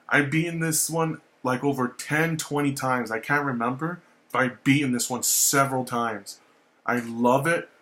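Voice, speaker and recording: Casual young man rambling on camera. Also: mid-range voice. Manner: relaxed, rambling, repeats himself, swears casually. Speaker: YouTuber showing his game collection. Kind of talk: casual vlog talk.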